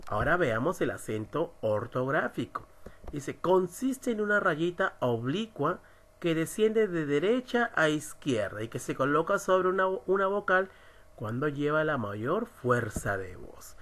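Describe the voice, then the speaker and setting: A man teaching an online writing class, slowly stressing syllables as he explains. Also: on the high side, very animated, fairly bright tone, a little hiss or hum. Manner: slow, emphatic, stresses syllables. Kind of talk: recorded online lesson.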